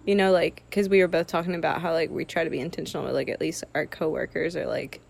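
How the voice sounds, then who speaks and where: Young woman, low gravelly voice, chatty filler-heavy talk. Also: fast, slight background noise. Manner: chatty, heavy use of 'like', laughs easily. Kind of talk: casual chat.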